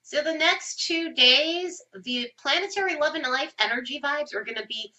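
A woman hosts an astrology forecast in a casual, explanatory way. Her voice is bright and forward but clearly congested, with the nasal sound of someone pinching her nose while she has a cold. She speaks informally and leans on everyday examples. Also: high-pitched, moderate pace, low-quality recording. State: stuffed up with a cold. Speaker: astrology host.

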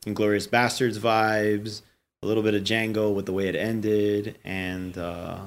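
A man in casual chat, reviewing a TV episode, animated and swearing casually as he acts out characters' lines. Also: fairly low pitch, unhurried, clear, resonant tone. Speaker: podcast co-host reviewing a show.

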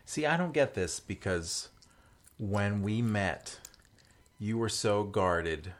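A man's voice: fairly low pitch, expressive, slow. A young man co-hosting a podcast with his partner, teasing her with dry banter. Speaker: podcast co-host. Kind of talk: casual couple chat.

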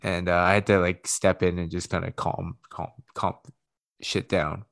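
A man's voice: sits low, little pitch movement, normal speed, creaky, fairly bright tone. A man co-hosting a casual podcast chat, telling a rambling story as a father, swearing freely and correcting himself as he goes.

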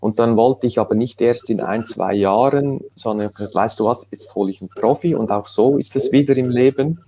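A man, an author telling his story in a relaxed interview, rambling with many fillers and restarts. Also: mid-range voice, a little fast, a crowd in the background. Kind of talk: casual conversational interview.

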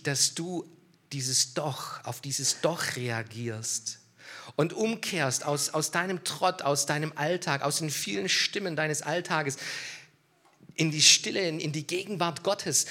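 A middle-aged man preaching a sermon as pastor, swinging from loud emphasis to hushed near-whispers. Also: sits high.

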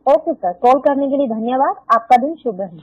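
A woman's voice: high-pitched, expressive, brisk, husky, no echo. A woman working as a customer service agent, speaking in a polite, formal customer service manner on a phone call. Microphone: telephone. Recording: muffled tinny phone line.

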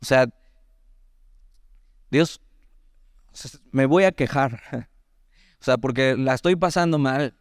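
A Mexican man with a Mexican Spanish accent preaching a sermon, teaching through a Bible passage in a conversational way with lively asides and slow readings of scripture. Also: mid-range voice, clean tone, no room sound, studio quality. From Mexico, Veracruz. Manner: conversational, animated asides, reads scripture slowly.

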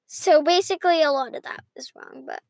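In a clean studio recording with no echo, a young girl co-hosts a podcast, chatting casually and reading quiz questions aloud. Her high voice is brisk and a little mellow.

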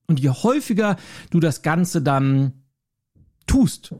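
A man giving self-help tips as a coach, speaking calmly and emphatically straight to the listener. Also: fairly high pitch, slow pace. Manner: calm, emphatic, addresses listener directly. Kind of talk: self-help advice talk.

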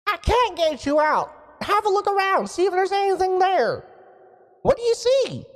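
A woman voicing a frantic, crude old male mage whose booming voice is magically amplified so it resonates across the space. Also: big pitch swings, moderate pace, long reverb tail. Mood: flustered. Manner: shrill, flustered, swearing. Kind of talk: game master voicing a character.

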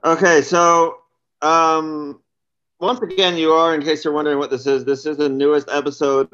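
A man co-hosting a podcast in casual chat, rambling and loose. His voice sits somewhat high for a man. The sound is dull and lo-fi. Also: flat delivery, normal speed, fairly bright tone, smooth. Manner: loose, rambling, with restarts and laughs. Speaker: podcast co-host.

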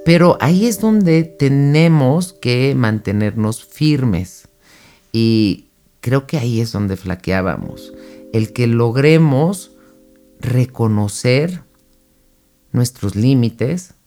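A woman's voice: very deep voice, expressive, slow, warm tone, faint music behind. A woman giving casual advice on personal boundaries, speaking straight to the listener and acting out short quoted lines. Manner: acts out little quoted lines in passing.

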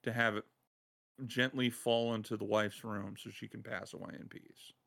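A man hosting a podcast, excitedly retelling a game side quest in casual chat and laughing as he goes. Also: fairly low pitch, normal speed, vocal fry. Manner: excited, laughing storyteller who acts out quotes. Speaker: podcast host.

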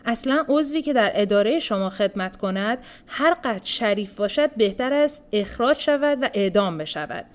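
A woman's voice: on the high side, expressive, lightly acted. A woman reading the part of a mocking, playful older prince in a storybook reading. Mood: teasing. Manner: teasing, then shouting. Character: sly, mocking older prince who loves jokes.

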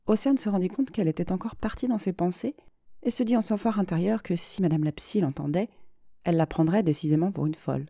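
A woman narrating her own short story in an even, measured reading voice. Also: on the low side, gravelly, no echo, clean studio sound.

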